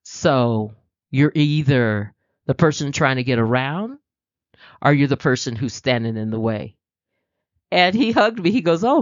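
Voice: mid-range voice, no echo. A podcast host giving an inspirational talk on faith and daily life. The host speaks with animation, laughs often and acts out the people they quote. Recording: slightly dull, dry sound.

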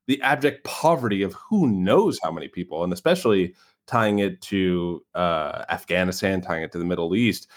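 A podcast co-host with a low voice and an American West Coast accent. He talks casually and at length, circling his points with fillers and restarts. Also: lively intonation, moderate pace. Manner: rambling, many fillers and restarts. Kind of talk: casual film discussion.

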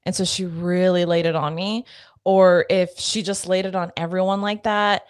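Young woman, fairly low voice, wry, blunt, casual co-host. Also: little pitch movement, normal speed, smooth. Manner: wry reactions, swears freely. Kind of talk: casual chat.

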